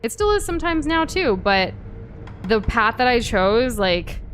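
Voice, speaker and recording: Her pitch is fairly high and sing-song, her pace measured, with a little hiss or hum in the recording. This young woman from the US co-hosts a game stream, casually chatting and reading out viewer comments with many fillers and false starts.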